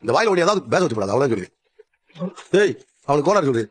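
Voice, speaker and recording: A middle-aged man playing the father in a TV family drama, speaking in a gruff, fatherly way. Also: a little high, sing-song, racing, no room sound. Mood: stern. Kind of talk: TV serial acting.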